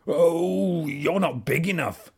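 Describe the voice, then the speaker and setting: A man voicing a shrill, bad-tempered, boastful little ladybird that screeches and shouts in a storybook reading. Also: slow pace, gravelly, breathy edge, full character voice. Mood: shouting challenge.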